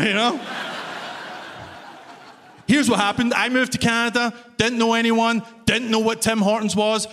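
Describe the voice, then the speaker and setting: A high-pitched, fairly bright voice belongs to a Glaswegian stand-up comedian from Scotland doing wry, self-mocking material. He checks in with a laughing audience in a large concert hall, and the live recording has reverb and slight room noise.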